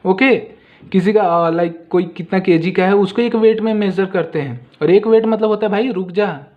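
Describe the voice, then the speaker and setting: A man teaching an exam-prep lesson, asking pupils repeated questions and saying words slowly so they can copy the pronunciation. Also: high voice, muffled recording.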